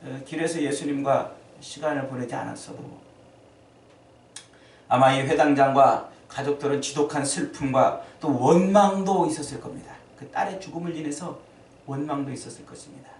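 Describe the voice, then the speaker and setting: A man preaching a sermon as pastor, emphatic, rising to loud peaks and then dropping low. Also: moderate pace, echoey room, recorded from a distance, slight background noise. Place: church.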